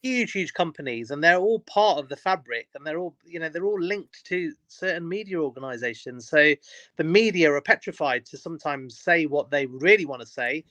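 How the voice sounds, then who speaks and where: Emphatic man, bright voice. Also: a little high, lively intonation, moderate pace, dry recording. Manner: emphatic, many restarts and repeated words. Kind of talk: casual podcast chat.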